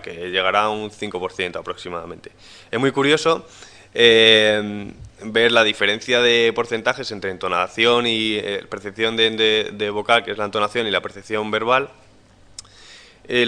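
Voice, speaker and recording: A man presents a lecture from his slides, stopping often to restart his sentences. His voice is fairly low yet bright and forceful, with a smooth, crisp tone. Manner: hesitant, many restarts and fillers. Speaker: conference speaker. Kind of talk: academic talk with slides.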